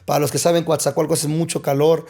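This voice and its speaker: A man's voice: on the high side, flat delivery, quick pace, vocal fry, mellow. A young adult man from Mexico, a pastor telling a personal testimony on a podcast, emotional and repeating words for weight.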